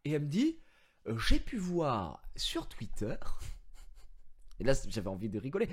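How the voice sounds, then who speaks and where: A man telling a story in a casual vlog, rambling with fillers, using crude slang and breaking into mock-indignant shouting. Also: mid-range voice, huge pitch swings, unhurried, breathy edge. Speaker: streamer.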